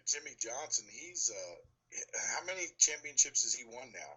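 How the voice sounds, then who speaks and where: Husky, very bright-edged man talking sports. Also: medium pitch, very animated, moderate pace, rough recording. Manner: rambling, opinionated. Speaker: sports talk show co-host. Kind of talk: casual sports chat.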